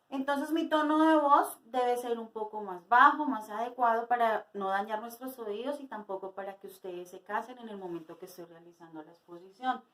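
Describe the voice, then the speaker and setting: Young adult woman teacher, fairly high voice, patient lesson delivery with questions to the class. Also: poor audio. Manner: slow explanatory teaching with rhetorical questions. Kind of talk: spoken lesson for students.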